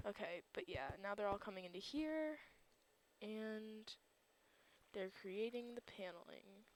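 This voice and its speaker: A woman's voice: mid-range voice, animated, a little slow, slight background noise. A woman giving casual gameplay commentary, groggy in her morning voice, rambling and thinking aloud with lots of fillers. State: groggy just-woke-up morning voice. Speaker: server owner and gameplay commentator.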